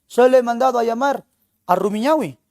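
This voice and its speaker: A man's voice: very high-pitched, fairly quick, a little mellow, dry recording, studio quality. A male teacher playing a proud, generous Inca king and doting father, in a raised, declamatory voice. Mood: grand.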